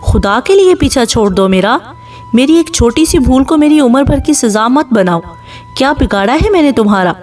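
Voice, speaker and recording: A woman's voice: high voice, lively intonation, darkish tone, faint music behind. A woman voicing a distraught young woman who pleads on the phone, tearful and strained.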